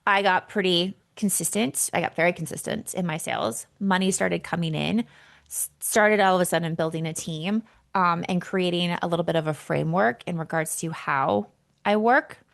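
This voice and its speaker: A woman's voice: on the low side, moderate pace, vocal fry. A woman in her thirties, a podcast host and entrepreneur, telling her personal story in a candid, casual way with the odd swear word.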